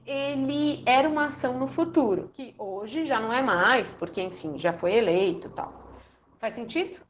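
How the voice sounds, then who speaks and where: Chatty Brazilian woman teaching a lesson. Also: on the high side. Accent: Brazilian Portuguese. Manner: chatty, affectionate, many "né?" and "então". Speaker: Portuguese teacher. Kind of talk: casual recorded lesson for teenagers.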